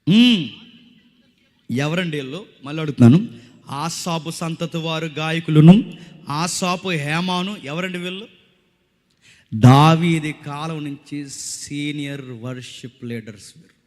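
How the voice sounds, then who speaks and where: A man preaching a village revival sermon, swinging between loud preaching and hushed tones, repeating phrases and questioning the crowd. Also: on the high side, unhurried, long pauses, big-room sound. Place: outdoor village meeting stage.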